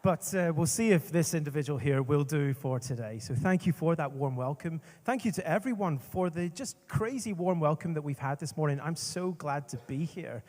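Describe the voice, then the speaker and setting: Energetic Northern Irish man in a hall. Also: on the high side, normal speed, hardly any pauses. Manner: energetic, emphatic, self-deprecating humor. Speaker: speaker. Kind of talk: apologetics talk. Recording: echoey hall.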